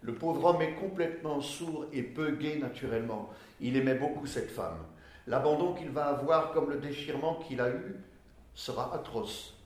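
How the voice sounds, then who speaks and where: Brief: male letter reader, sober, a bit high, very echoey room. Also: normal speed. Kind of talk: reading a letter aloud.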